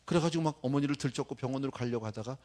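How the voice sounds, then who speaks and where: A man preaching a sermon as pastor. He talks to his congregation in a conversational way and swings between hushed remarks and loud exclamations. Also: medium pitch, rapid-fire. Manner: speaks directly to the congregation.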